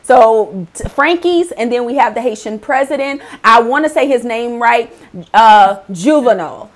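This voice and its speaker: A woman hosting a faith-based talk show in a chatty, animated way, laughing often. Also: a little high, a little slow. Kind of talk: casual faith-based chat.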